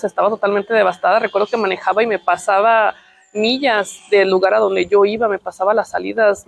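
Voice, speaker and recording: A middle-aged woman, telling her personal testimony in an emotional, halting way, often repeating words. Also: mid-range voice, creaky. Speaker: testimony speaker.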